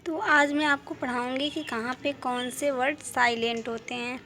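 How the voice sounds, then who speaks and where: High-voiced woman teaching spelling. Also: fairly even intonation, moderate pace, pushed and bright. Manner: patient, step-by-step explaining, pointing at words. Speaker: English teacher. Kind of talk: Hindi-language lesson on English spelling.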